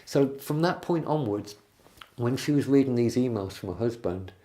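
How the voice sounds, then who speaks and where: A man coaching, explaining a technique calmly with examples and stories. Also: mid-range voice, moderate pace. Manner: calm, explanatory, uses anecdotes. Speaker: NLP coach. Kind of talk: instructional talk.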